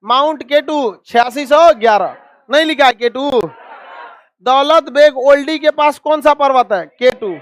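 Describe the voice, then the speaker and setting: A man's voice: extremely high pitch, a little slow. A man teaching a geography lesson, firing questions at students and scolding them bluntly. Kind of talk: classroom map lesson. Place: classroom.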